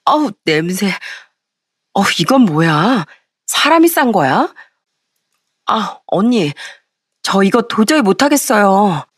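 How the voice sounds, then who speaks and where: A woman storyteller does a spoiled young sister-in-law who whines and pleads, her voice jumping high. The sound is close and dry, with no room around it. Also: sing-song, normal speed, creaky, no echo. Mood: whiny. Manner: whiny, pleading.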